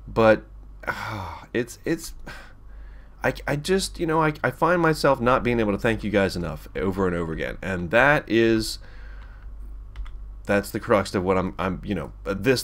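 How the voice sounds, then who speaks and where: A man with a slightly low voice chats his way through a spaceflight game. His talk is loose and rambling, full of restarts and small laughs. It sounds like casual let's play commentary. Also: a bit bright. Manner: rambling and chatty, with frequent restarts and chuckles.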